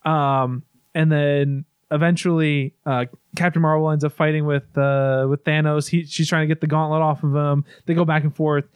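A man's voice: a little high, little pitch movement, moderate pace, few pauses, clear, resonant tone, no room sound. Rambling man recapping a movie casually. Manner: rambling, full of fillers and restarts, swears casually.

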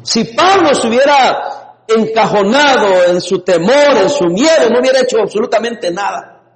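Hombre, pastor, sermón animado, voz muy aguda, eco largo de salón. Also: male voice, sits high, moderate pace. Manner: lively preaching with laughs and sudden shouts. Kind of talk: sermon. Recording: long reverb in a hall.

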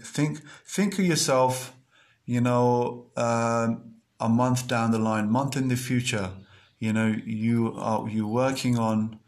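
A man's voice: mid-range voice, darkish tone. A man hosting a podcast, speaking in an earnest, repetitive motivational monologue full of fillers and restarts. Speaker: podcast host.

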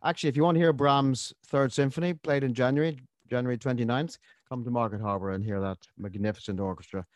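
A man's voice: mid-range voice, fairly even intonation, fast talker, no echo. A man from Ireland, a choir's musical director, chatting as a guest on a radio interview with many restarts.

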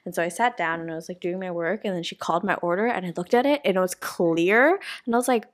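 A woman's voice: lowish voice, quick pace. Chatty young woman telling stories. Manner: chatty storytelling with frequent laughs. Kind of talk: casual chat.

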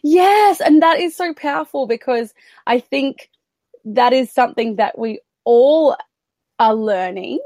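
A woman's voice: sits high, expressive, unhurried, dark tone, no room sound. A woman hosting a podcast interview, talking in an effusive, enthusiastic way. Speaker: podcast host. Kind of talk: conversational interview.

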